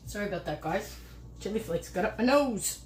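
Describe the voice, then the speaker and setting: A woman chats her way through a home cooking livestream, rambling loosely and laughing between steps. Her voice sits at a middling pitch and carries the echo of a hard-surfaced kitchen. A faint hum of noise runs underneath. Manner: chatty, rambling, laughs often. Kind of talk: casual cooking livestream chat.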